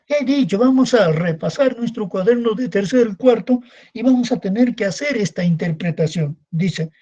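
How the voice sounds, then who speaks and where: A male secondary school teacher delivers a recorded online class lecture, repeating points and answering his own rhetorical questions. His high voice is expressive and mellow, at a moderate pace. The sound is lo-fi.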